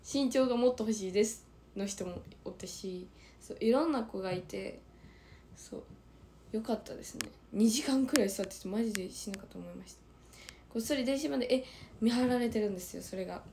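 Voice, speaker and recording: A woman with a Kansai accent and a hoarse, strained throat, chatting casually on a livestream and reading out viewer comments, often dropping into a breathy whisper. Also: mid-range voice, fairly quick, dark tone, slight background noise. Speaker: idol livestreamer.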